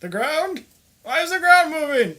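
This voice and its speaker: A man voicing a doddering, cranky old man with a high, quavery put-on voice who mutters flustered complaints. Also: big pitch swings, moderate pace, bright, forceful tone, full character voice.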